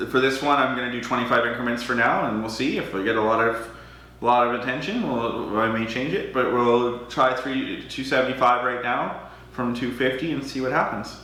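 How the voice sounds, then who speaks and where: A man's voice: mid-range voice, sharp tone. A young man from Alberta, Canada, hosting a charity auction on a livestream, chatty and self-deprecating, often hesitating with ums. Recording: very echoey room.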